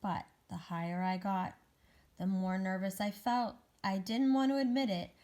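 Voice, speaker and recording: A woman's voice: mid-range voice, steady tone, moderate pace, a little mellow, lightly acted. A woman voicing an anxious, wistful egg who narrates its own story earnestly in a children's picture book read-aloud. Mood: nervous, resolute. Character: anxious, wistful egg recovering from a great fall.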